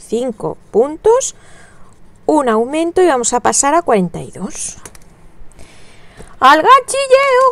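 Chatty high-voiced woman crocheting. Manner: chatty, counts stitches aloud, sudden bursts of high laughter. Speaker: crochet channel host. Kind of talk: casual crochet-along chat.

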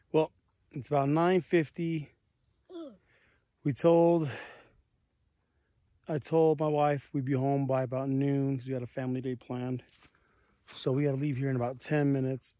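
A man's voice: mid-range voice, a little mellow, dry recording. Man, 40s, casual vlogger, phone held at arm's length outside, dry sound, mid-range voice, loose fillers. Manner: laid-back, rambling, peppered with fillers. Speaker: vlogger on a family fishing trip. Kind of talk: casual explanatory chat. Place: outdoors on a mountain lakeshore.

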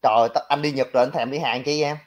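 A man's voice: mid-range voice, steady tone, fast talker. A man giving blunt, mocking casual political commentary, talking directly to his viewers. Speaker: livestream commentator.

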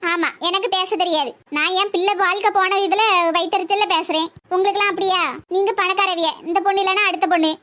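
ஒரு பெண் கார்ட்டூனில் நெல்லை வட்டார வழக்கில், குற்றம் சாட்டிக் கத்தும் கோபமான கிராமத்து அம்மாவுக்குக் குரல் கொடுக்கிறார். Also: female voice, very high voice, steady tone, fast, few pauses, fairly bright tone. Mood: angry. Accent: Tirunelveli Tamil. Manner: scolding, accusing. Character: angry village mother, sharp-tongued and loud. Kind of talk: cartoon voice acting.

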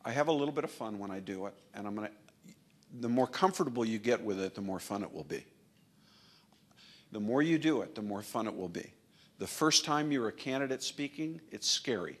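A man's voice: on the low side, lively intonation, brisk. Man talking from across the room. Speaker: speaker. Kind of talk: training talk.

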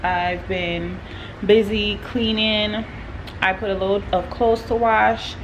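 A woman's voice: medium pitch, steady tone, takes it slowly. A woman in her thirties chatting casually to a camera held at arm's length while she goes about her day at home and in the car. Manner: chatty, talks straight to a handheld camera. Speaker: vlogger. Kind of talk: casual day-in-the-life vlog. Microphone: phone or camera held at arm's length. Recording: noisy background, car air conditioning.

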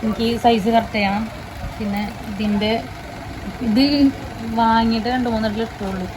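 A woman's voice: medium pitch, flat delivery, normal speed. A woman chatting casually as a vlog host, mixing English words into her Malayalam. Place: outdoor night market and roadside. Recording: noisy street with traffic and crowd.

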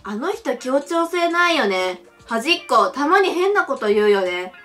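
A woman's voice: high voice, big pitch swings, a little slow, a bit bright, faint music behind. A young woman from Japan playing a mobile quiz game, reading the questions aloud and reacting with chatty, giggly, blunt comments. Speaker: game streamer. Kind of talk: casual playthrough commentary.

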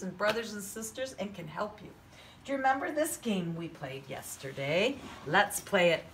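A woman with a lowish, slightly bright voice teaches preschoolers in the style of a kids' show host. She uses a sing-song delivery and asks young children simple, repeated questions. There's noticeable background noise in the recording.

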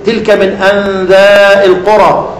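High-voiced Egyptian teacher in an echoey hall. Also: male voice, little pitch movement, moderate pace, a little hiss or hum. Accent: Egyptian Arabic. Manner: asks students leading questions, then answers them. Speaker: Quran recitation teacher. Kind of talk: classroom lesson. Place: lecture hall.

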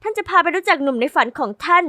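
High, bright female story narrator. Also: very fast, no echo, clean studio sound. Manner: lively, sassy. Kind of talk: first-person scripted narration of an animated diary story.

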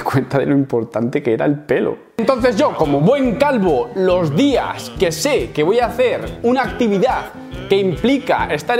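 Young Spanish man, Spain accent, comedic vlog rant, sarcastic and swearing, pitch jumping all over, faint music behind. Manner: sarcastic, swearing, acts out little scenes. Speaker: YouTuber.

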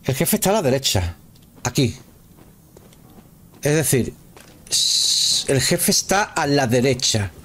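A man's voice: medium pitch, very animated, slow, pauses often, fairly bright tone, husky. A man giving casual live commentary while playing a video game, chatting with viewers and exclaiming at the action. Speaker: gameplay streamer.

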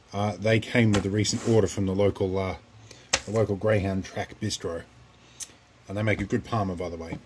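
A man's voice: fairly low pitch, darkish tone, a little hiss or hum. A middle-aged Australian man hosting a casual how-to vlog, chatty and rambling with wry asides. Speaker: repair channel host.

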